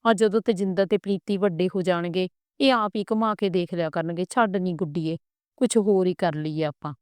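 A woman's voice: on the low side, moderate pace, a little mellow, smooth, dry recording, studio quality, natural voice. A woman voicing a kindly, protective older mother-in-law, soothing and homely.

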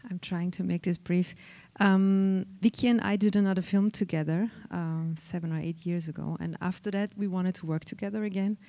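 A middle-aged woman talks into a handheld mic on a big theater stage. Her voice sits a little low and sounds mellow and warm. She speaks thoughtfully, pausing often with fillers. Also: steady tone. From Austria. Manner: thoughtful, reflective, many pauses and fillers. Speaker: film director. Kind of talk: festival panel talk.

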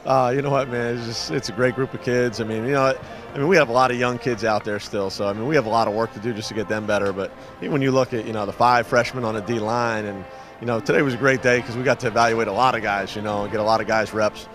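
Fast-talking middle-aged football coach. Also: male voice, medium pitch, steady tone, fairly bright tone, soft background music. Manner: fast, filler-heavy, modest answers. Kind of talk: postgame interview. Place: outdoors on a football field at night. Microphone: reporter's handheld mic.

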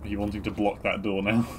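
Teasing man with a low voice, noisy mic. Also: completely flat delivery, quick pace, a little mellow. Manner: teasing, laughs often, advising. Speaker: co-player commentating. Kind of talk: casual gameplay chat.

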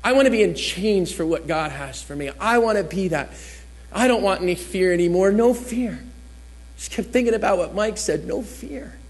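A man with a fairly high voice preaches a sermon as a chatty personal story. He is from New Jersey and slips into the voices of the people he quotes. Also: normal speed.

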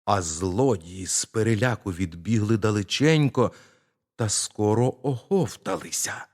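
A man narrating a bedtime fairy tale in a slow, expressive storytelling manner. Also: on the low side.

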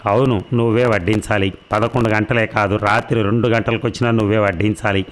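A man's voice: fairly low pitch, fairly even intonation, a little fast, natural voice. Man voicing a bitter, defiant middle-aged husband. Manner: bitter complaints, then shouted commands.

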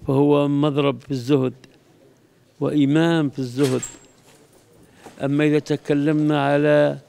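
A man's voice: fairly high pitch, vocal fry, a little mellow, smooth. An older man with an Algerian accent giving a spoken tribute as a religious scholar in an interview, repeating phrases for emphasis. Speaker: religious scholar paying tribute to his late teacher. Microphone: handheld TV microphone close in front.

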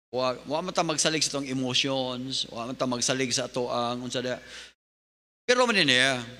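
A male pastor preaching an animated sermon, mixing in English. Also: medium pitch. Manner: animated preaching, switching between Bisaya and English. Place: church hall. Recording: long hall reverb.

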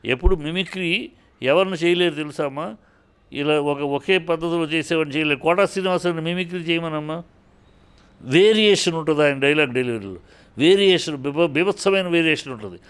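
A man's voice: fairly high pitch, a little fast, fairly bright tone, smooth. A man giving heated spoken commentary in an interview, scolding and indignant, firing off rhetorical questions and often restarting his sentences.

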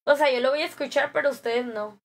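A young Mexican woman streaming live, chatting with viewers in a bubbly, slangy way, her voice a little hoarse from a sore throat. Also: sits high, quick pace. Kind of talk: live stream chat, greeting viewers and reading comments.

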